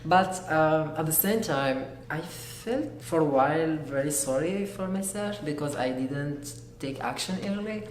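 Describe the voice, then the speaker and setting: A man's voice: a little high, lively intonation. Earnest young man, echoey room. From Algeria. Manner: earnest, halting, searching for words. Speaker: graduate student giving testimony. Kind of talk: personal testimony. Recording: echoey room with faint noise.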